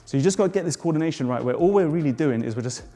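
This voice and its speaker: A man's voice: fairly high pitch, animated, rapid-fire, mellow. A man coaching a jump rope move step by step, a bit out of breath, with encouraging cues. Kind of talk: tutorial instruction. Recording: hall reverb, faint music.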